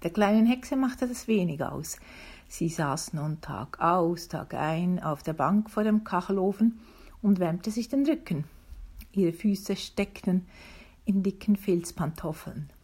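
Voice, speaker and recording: A woman calmly reading a children's book aloud, slowly and deliberately. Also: fairly low pitch, breathy edge. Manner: slow, calm, deliberate reading. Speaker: reader.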